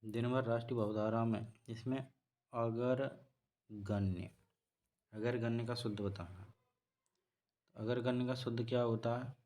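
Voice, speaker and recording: A man teaching a spelling lesson for exam preparation, repeating each word slowly and correcting himself as he goes. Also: medium pitch, fairly even intonation, darkish tone. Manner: slow, repetitive explaining, self-correcting. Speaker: Hindi teacher.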